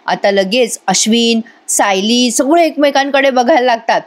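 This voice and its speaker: A woman's voice: fairly high pitch, normal speed. A woman giving a chatty voice-over recap of a TV serial, speaking to her viewers directly with little asides. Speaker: TV serial reviewer.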